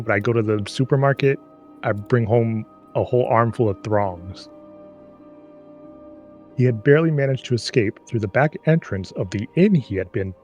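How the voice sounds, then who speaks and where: This is a comic read-aloud on a live stream, where a co-host stumbles through a book and keeps up a running stream of sarcastic, swearing remarks. He has a medium-pitched, slightly mellow voice.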